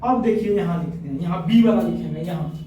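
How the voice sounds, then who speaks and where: A man's voice: high-pitched, animated, fairly quick, warm tone. A man teaching a math lesson at a board. He keeps asking questions, answers them himself and corrects himself often. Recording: very echoey room, mic far off, faint noise.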